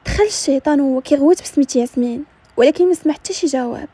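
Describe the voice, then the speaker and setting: Fast high-voiced Moroccan Arabic storyteller woman. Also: dark tone, no echo. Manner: brisk, continuous storytelling. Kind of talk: storytelling narration.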